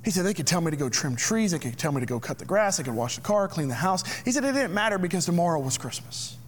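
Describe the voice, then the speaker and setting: A man preaching a sermon as pastor, slow and deliberate, sometimes dropping to a hushed near-whisper. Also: a little high, very animated.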